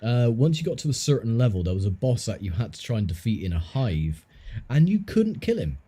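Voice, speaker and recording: A man's voice: medium pitch, very animated, fairly quick, dark tone, husky. A man streaming, telling rambling stories in casual chat with a friend. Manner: rambling, self-interrupting storyteller.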